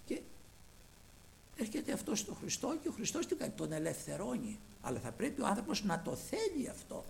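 A man preaching a sermon, retelling scripture dramatically and swinging between loud and hushed delivery. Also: high-pitched, huge pitch swings, creaky, a little hiss or hum.

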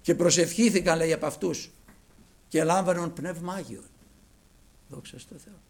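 A man preaching a sermon to his congregation with passion, dropping to a hush and then rising to loud exclamations. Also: fairly high pitch, a little hiss or hum. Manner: impassioned, swinging from hushed to loud.

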